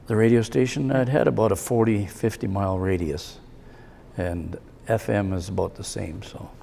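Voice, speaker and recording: A man's voice: lowish voice, fairly even intonation, normal speed, creaky, mellow, slight background noise. A man who once worked in radio, answering interview questions plainly and trailing off at the end of answers. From Alberta, Canada. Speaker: guest, former radio broadcaster.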